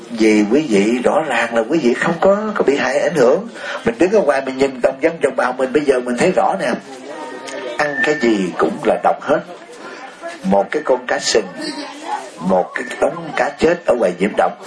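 A man giving an impassioned political talk, firing rhetorical questions at his listeners and chuckling often. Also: mid-range voice. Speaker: speaker addressing an audience.

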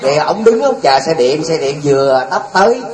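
A man telling a joke to an audience, animated and polite, often answering with a quick yes. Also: a little high, reverberant, a crowd in the background.

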